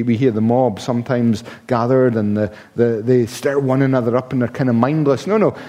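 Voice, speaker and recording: A man's voice: mid-range voice, mellow. A man preaching a sermon in an emphatic manner, often restarting his words. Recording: long reverb of a large hall.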